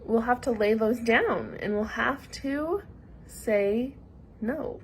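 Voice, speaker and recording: A woman with a Southern US accent preaching a sermon in a measured, earnest way with pauses. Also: a little high, slight background noise, rough recording.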